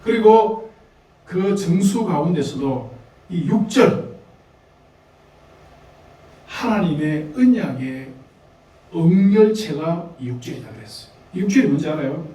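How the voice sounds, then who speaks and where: A man's voice: fairly high pitch, animated, slow pace, pauses often, dark tone, heavy reverb, recorded from a distance, rough recording. A man with a Gyeongsang Korean accent preaching a sermon, talking conversationally to the congregation with laughs and asides. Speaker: pastor. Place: church sanctuary.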